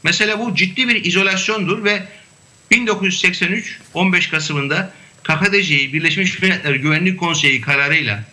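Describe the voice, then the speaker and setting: A man speaking as an academic guest on a remote panel discussion, measured and hesitant, with frequent fillers. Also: high-pitched, pushed and bright.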